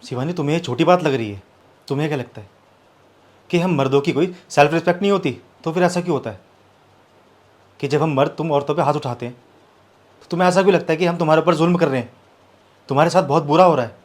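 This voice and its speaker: A man's voice: a little high, quick pace, long pauses, lightly acted. An actor playing a proud young man who argues defensively with his partner, then turns cold and bitter. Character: young man, proud, hurt, coldly walking out. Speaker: live-in partner. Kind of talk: scripted short-film acting.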